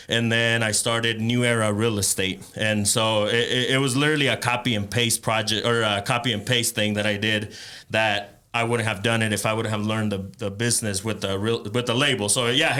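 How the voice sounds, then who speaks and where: A man from El Salvador, a rapper and entrepreneur, telling his life story as a podcast guest in a relaxed way, with frequent fillers and laughs. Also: mid-range voice. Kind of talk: casual interview chat.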